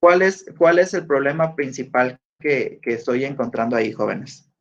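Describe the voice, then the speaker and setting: A male teacher lectures online in a medium-pitched voice that's animated, gravelly, and a bit bright. His delivery is slow and deliberate, with questions directed at his students, and the audio is dull and lo-fi.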